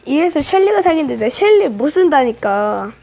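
A woman with a high, light voice talks through a match as she plays, cheerfully teasing her opponents. Her delivery is loose and chatty, like live game commentary on her own channel. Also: very animated, brisk, creaky, dark tone, low-quality recording. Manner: playful, teasing trash talk at opponents. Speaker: gaming channel host.

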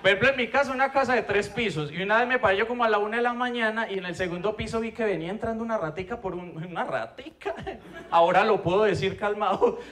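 A man with a Colombian Paisa accent doing an animated stand-up set, tagging his punchlines with a quick questioning grunt. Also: sits high. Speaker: stand-up comedian. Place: comedy stage before a live audience. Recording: live show with a loud audience.

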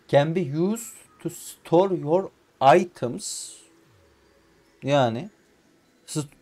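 Young guy doing a lets play, talks to himself and blows up yelling at the game, in-ear headset. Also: mid-range voice. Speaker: gaming YouTuber. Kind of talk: casual let's-play commentary. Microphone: in-ear headphones with mic.

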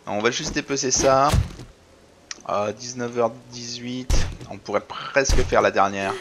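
A man's voice: medium pitch, steady tone, a little slow, background noise. A man casually commenting while playing a survival game, muttering and talking to viewers. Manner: chatty, mutters to himself, addresses viewers. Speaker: let's play host.

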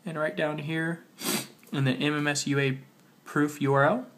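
A man's voice: fairly high pitch, flat delivery, fairly bright tone. A man who is sick and sounds slightly muffled, giving a casual step-by-step phone tutorial as he works through it and spells things out. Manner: talking while working on a phone, spelling things out slowly. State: sick with a cold. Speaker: tutorial host.

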